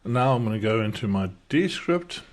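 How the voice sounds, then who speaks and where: A middle-aged South African man whose accent has softened over decades in the UK gives an animated, casual walkthrough of software he's demonstrating as an entrepreneur. His voice is lowish and fast, with frequent restarts and fillers, and his webcam shows in a small circle over the screen-share recording.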